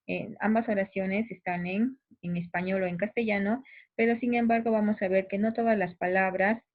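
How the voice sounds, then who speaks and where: Patient Peruvian woman teacher, tinny audio. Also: mid-range voice. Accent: Peruvian provincial Spanish. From Peru. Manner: patient, explanatory, often restarts and addresses students directly. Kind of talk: recorded class explanation.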